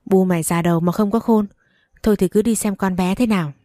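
A weary old grandfather, calm and resigned as he smooths over a fight, voiced by a woman narrator. Mellow, dark tone in a dry recording. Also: mid-range voice, fairly quick, dry recording, lightly acted. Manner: calm, placating.

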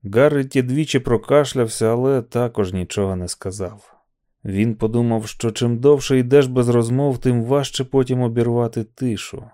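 A man narrating an audiobook in a steady, dramatic storytelling manner. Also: medium pitch, normal speed. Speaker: audiobook reader.

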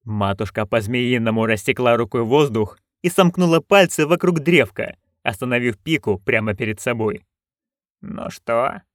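A man reading an audiobook in an expressive, even-paced narration. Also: mid-range voice, normal speed, few pauses, dry recording, clean studio sound.

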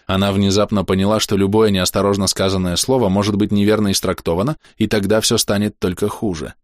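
A man narrating a fantasy audiobook in a steady, even reading. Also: fairly low pitch, quick pace, no echo, studio quality. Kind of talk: scripted narration.

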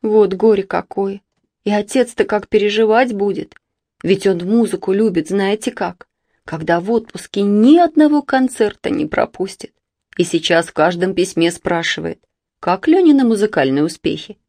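A woman's voice: mid-range voice, expressive, moderate pace, dark tone, no echo. A woman voicing a worried mother who frets and scolds over her truant son, in a storybook reading. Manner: fretful, scolding, lamenting. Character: anxious mother of a truant boy.

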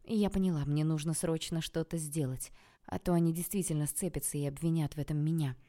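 A woman reading a first-person novel aloud in a wry, expressive way. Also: deep voice, fast talker. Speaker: audiobook narrator.

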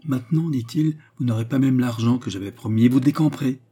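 A man's voice: mid-range voice, fast talker, dark tone, breathy edge, natural voice. A man voicing Beausire, a flustered host who protests and grows angry with his unwelcome guests, in a storybook reading. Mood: indignant. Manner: protesting, rising to anger.

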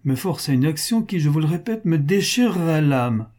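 A man's voice: a little high, expressive, moderate pace, a little mellow, pitched above the performer's own voice. Man playing a cynical, wheedling financier. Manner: wheedling, mock-jovial, coldly insistent. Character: cynical wealthy male financier, falsely affectionate.

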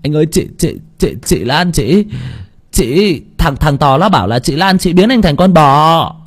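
A man's voice: medium pitch, expressive, measured pace, a little mellow, lightly acted. A man voicing a frightened village boy who stammers and panics. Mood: panicked.

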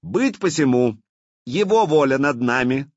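A man's voice: medium pitch, sing-song, measured pace, breathy edge, no room sound, highs cut off, pitched above the performer's own voice. A man voicing a sly scheming boyar. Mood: proclaiming. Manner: cunning, evasive.

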